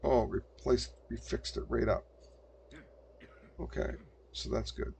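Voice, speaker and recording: A man's voice: medium pitch, fairly even intonation, takes it slowly, creaky, darkish tone, a little hiss or hum. An older man giving casual gameplay commentary, muttering to himself as he plays at a desk mic. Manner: muttering to himself while playing. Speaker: gameplay streamer.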